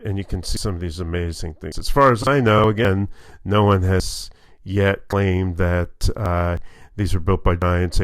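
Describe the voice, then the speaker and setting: A low-voiced man gives a casual online lecture, wandering through his points with plenty of fillers and restarts. The sound is dry and close, with no room echo. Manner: relaxed, rambling, many fillers. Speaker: university lecturer.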